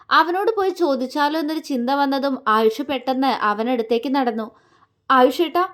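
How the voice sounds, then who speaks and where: A woman reading a romance story aloud in a calm, steady storytelling manner. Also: high-pitched.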